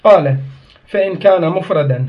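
Over lo-fi sound, a man with a high-pitched voice teaches grammar at a moderate pace. He goes through it step by step, fields his own questions, and corrects himself in the middle of sentences.

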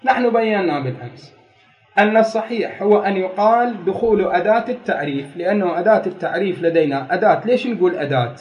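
A man lectures on grammar in a fairly high voice, moving step by step through a text. He repeats key phrases and poses rhetorical questions to the class. The sound is roomy and echoey, picked up from a distance. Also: animated, fast talker, highs cut off. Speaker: grammar teacher.

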